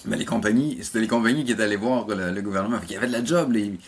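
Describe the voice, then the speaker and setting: As a guest in a casual interview, the middle-aged man, who teaches animation and coordinates a programme, has a Quebec French accent and talks very fast. His lowish voice is slightly rough, and he often repeats words while looking for his phrasing.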